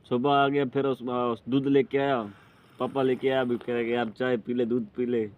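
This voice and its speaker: A man telling lively anecdotes in a casual chat among friends. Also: medium pitch, moderate pace. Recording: tinny phone-like sound with faint noise.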